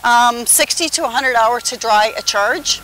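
A woman's voice: on the high side, measured pace, low-quality recording. A woman who works at a sawmill, casually explaining the machines while walking a tour. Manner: casual, explanatory, uses "right?" often. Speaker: mill employee giving a tour. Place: loud sawmill floor and yard, indoors and outdoors. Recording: loud machinery noise behind.

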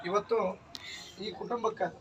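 Legislator, man, formal announcement, fairly high voice, mic at a distance. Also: fairly even intonation, moderate pace, lo-fi sound. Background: loud crowd.

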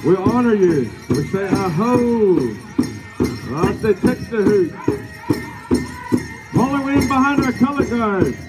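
A man's voice: sits high, takes it slowly, pauses often, poor audio. A man announcing live as master of ceremonies at an outdoor powwow, addressing dancers in a ceremonial manner over a PA. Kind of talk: live event announcing over drumming and singing. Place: large outdoor grass arena, picked up by spectator camera. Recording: outdoor PA behind loud music. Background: loud powwow music, jingling bells.

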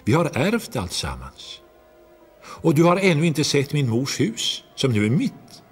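A man reading a poem aloud and voicing a practical young wife who speaks up insistently over soft music. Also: sits low, very animated, vocal fry, slightly rough, exaggerated voice. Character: young wife, eager, practical, bound to inheritance.

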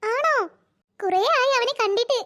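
A woman's voice: very high-pitched, unhurried, fairly bright tone. A woman voicing a chatty, teasing neighbour woman in a cartoon. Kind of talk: cartoon voice acting.

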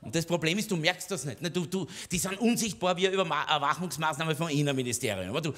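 A man's voice: a little high, fast, a bit bright. A man with an Austrian accent performing a stand-up cabaret monologue, chatty and conspiratorial, with frequent tag questions. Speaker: cabaret comedian.

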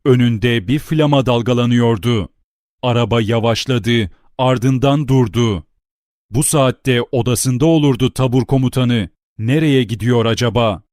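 A man reading a novel aloud as an audiobook narrator, in a steady, deliberate storytelling manner. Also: mid-range voice, no room sound, clean studio sound.

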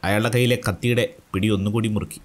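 A man narrating a crime thriller story in a steady, suspenseful scripted reading. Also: lowish voice, fast.

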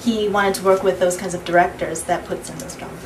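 A woman interpreting live in a small press room, talking quickly with many ums and restarts. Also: lowish voice, steady tone. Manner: quick, hesitant, many ums while translating. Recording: distant mic, clear background noise.

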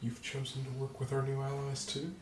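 A man's voice: mid-range voice, monotone, brisk, a little mellow. A man joking casually as a player in a tabletop game. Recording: echoey, distant mic, faint noise.

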